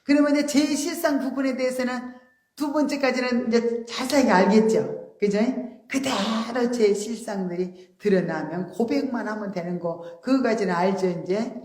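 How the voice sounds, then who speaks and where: A woman pastor preaching a sermon in an animated, emphatic way, often acting out quoted voices. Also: a little high, normal speed, roomy sound. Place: church.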